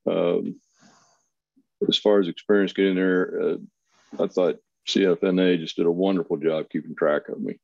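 Low gravelly man on a webinar. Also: level tone, dry recording. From Kansas, US. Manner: plainspoken, many pauses and fillers. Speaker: volunteer consultant speaker. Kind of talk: webinar presentation. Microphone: video call. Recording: dull, lo-fi webinar audio.

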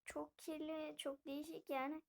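A woman hosting a gaming video casually narrates her life-sim gameplay, chatting and addressing viewers directly as she goes. Her high-pitched voice is creaky and a little mellow, delivered flatly at normal speed.

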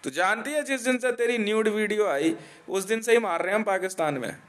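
Man, from India, raised pitch, aggressive rant, heavy swearing, taunting laughs. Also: a little fast, fairly bright tone. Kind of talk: profane ranting monologue.

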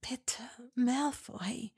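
A woman's voice: sits high, lively intonation, unhurried, pitched above the performer's own voice. A woman reading a fan story and voicing a desperate young witch who presses and pleads insistently. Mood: pleading. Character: desperate, stubborn young witch held captive.

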